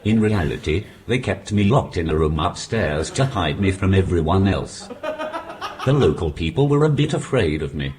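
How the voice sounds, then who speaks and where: Deadpan synthetic voice of a man. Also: low voice, normal speed. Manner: flat synthetic speech with deadpan jokes. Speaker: stand-up comedian. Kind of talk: stand-up routine through a text-to-speech communication aid. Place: comedy stage before a live audience. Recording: noisy live venue recording.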